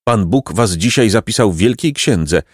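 Storybook figure: a worn-out old mother, tender and overjoyed, raised lively voice, put on by a male narrator, dry close sound. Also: lowish voice, moderate pace, dry recording.

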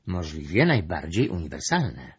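A thoughtful female creature from a storybook, musing slowly over big questions in a husky voice, put on by a man reading aloud. Her lines rise and fall with a lively lilt. The recording sounds dull and lo-fi. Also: sits low, exaggerated voice. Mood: reflective.

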